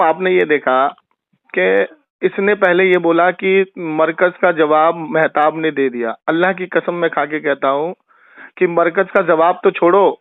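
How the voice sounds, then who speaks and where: High-voiced man shouting down a phone. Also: no echo. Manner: combative, taunting, accusing. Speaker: religious debater. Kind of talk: heated phone argument. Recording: tinny phone line.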